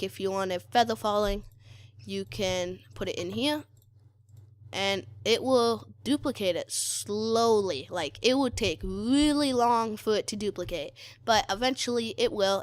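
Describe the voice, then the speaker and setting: A woman giving casual commentary while showing a game mod, hesitant and chatty, full of fillers and frequent self-corrections. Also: medium pitch. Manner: hesitant, many fillers, corrects herself often; chatty and easily sidetracked.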